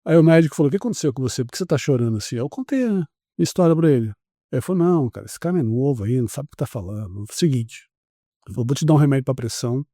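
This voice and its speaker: A man from Brazil, around his forties, telling a story as a podcast guest in a casual, animated way and acting out the other people's lines. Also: medium pitch, rapid-fire, no room sound, studio quality.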